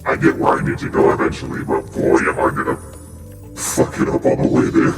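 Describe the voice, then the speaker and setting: A streamer playing a platform game through a voice changer that makes the voice very deep, joking and mocking their own playing in casual commentary. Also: completely flat delivery, normal speed. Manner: goofy and self-mocking. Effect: voice changer pitching the voice very deep. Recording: echoey and distant, game music behind. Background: game music.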